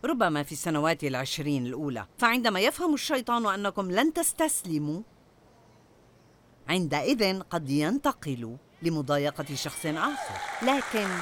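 Lively older woman preaching a sermon. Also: fairly low pitch, a little hiss or hum. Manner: asks the audience rhetorical questions.

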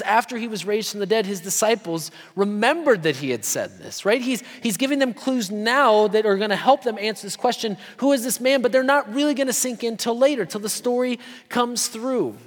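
A man preaching a sermon in a conversational way, often checking in with "right?". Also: high voice. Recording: long hall reverb.

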